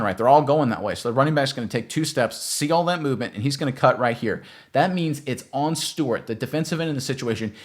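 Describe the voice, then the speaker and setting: Man, rapid delivery, film breakdown commentary, emphatic coaching tone, mid-pitched voice. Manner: emphatic, coaching tone, addresses viewers directly. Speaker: football film analyst.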